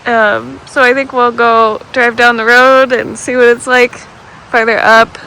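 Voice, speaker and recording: A woman's voice: fairly high pitch, little pitch movement, a little slow. A woman hosting a vlog, talking casually as she narrates, in a noisy on-location recording. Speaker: vlog host.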